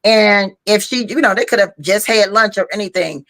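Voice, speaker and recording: A woman's voice: mid-range voice, normal speed, fairly bright tone. A woman co-hosting a podcast in casual chat, frank and talkative, tired and yawning after a long day. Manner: frank, talkative, peppered with "you know". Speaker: podcast co-host.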